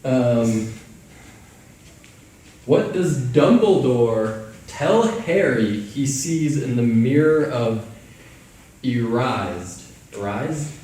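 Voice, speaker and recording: Man, workout host, trivia between sets, slow-paced, far from the mic, faint room noise. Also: mid-range voice, lively intonation, dark tone. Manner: calls out exercise timing between trivia questions. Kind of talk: casual chat during a live workout. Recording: echoey room, mic at a distance.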